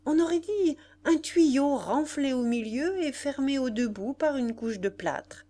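A woman narrates a literary audiobook at an unhurried pace. Her pitch rises and falls in lively arcs, giving each sentence a careful, expressive shape. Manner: measured, expressive reading.

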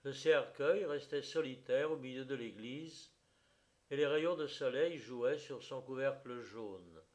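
A man reading a literary story aloud in a measured, expressive narration. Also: medium pitch.

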